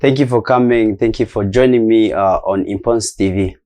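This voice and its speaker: A man's voice: on the low side, fairly quick, warm tone. A man hosting a casual interview, speaking hesitantly with many filler sounds. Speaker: host.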